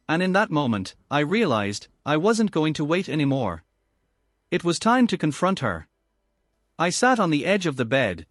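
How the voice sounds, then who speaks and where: A man's voice: on the high side, fairly bright tone, dry recording. Brief: male first-person storyteller, tense and bitter, dry close sound. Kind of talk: first-person dramatic narration.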